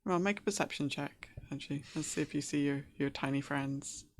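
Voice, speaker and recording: A woman's voice: sits low, a little fast, no room sound. A woman narrating a tabletop game as game master, hesitant and full of fillers.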